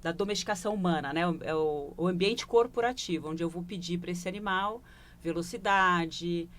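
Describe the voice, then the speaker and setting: A woman's voice: fairly low pitch, normal speed. A woman with a Brazilian Portuguese accent, a leadership consultant explaining her work in a broadcast studio interview and often checking in with short questioning asides. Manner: reflective, tags phrases with questioning asides.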